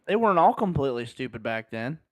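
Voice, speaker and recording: Lively, crude-joking man in his thirties. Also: medium pitch, fast, no room sound. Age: 30s. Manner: jokey, crude, animated. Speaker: podcast co-host. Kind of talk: casual podcast banter.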